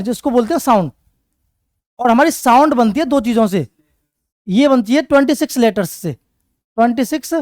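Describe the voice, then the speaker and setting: Male tutor, high and clear voice, drills words by repetition, dry close sound. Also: no room sound. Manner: repetitive call-and-response drilling; writes on a board while explaining. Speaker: English teacher. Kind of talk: exam-prep classroom lecture.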